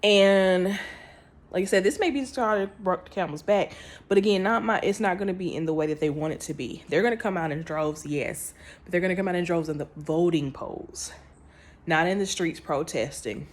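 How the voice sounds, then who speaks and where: Speaking at a moderate pace in a lowish voice, a female vlogger talks right to her viewers. Her commentary is casual and emphatic, informal, with dropped grammar and restarted phrases.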